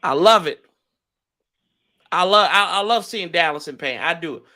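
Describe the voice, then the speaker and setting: A man hosting a football fan reaction livestream, talking in loud, mocking banter. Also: high voice, measured pace. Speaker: host of a football reaction stream. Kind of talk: casual fan play-by-play reaction.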